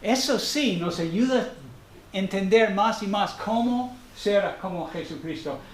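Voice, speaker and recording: A man preaching a sermon in a conversational, animated way, often checking in with "ok?" and sometimes searching for words. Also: sits high, a little hiss or hum. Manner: searches for words in Spanish, with halting restarts. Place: church hall. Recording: echoey church room.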